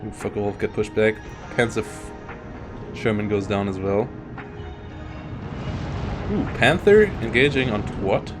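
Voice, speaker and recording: A man's voice: lowish voice, a little slow, pauses often, over music. A man commentating a live strategy game tournament, talking in loose, self-interrupting bursts. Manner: rambling, self-interrupting, frequent restarts. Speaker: esports caster.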